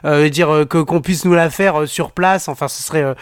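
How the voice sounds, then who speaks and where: A man's voice: fairly high pitch, a little fast, clean tone, no room sound, clean studio sound. A man hosting a podcast in casual chat, rambling with many fillers and restarts. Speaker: podcast host.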